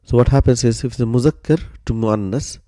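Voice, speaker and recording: A man explaining grammar step by step in a recorded lesson, patient and steady, often starting sentences with "so" and pausing on "uh.". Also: medium pitch, no echo, clean studio sound. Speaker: Arabic grammar teacher.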